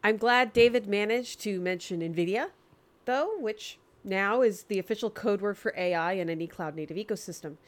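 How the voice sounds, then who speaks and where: A woman's voice: medium pitch, moderate pace. A woman co-hosting a tech podcast, making dry, joking asides in a scripted intro and in casual chat. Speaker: podcast co-host.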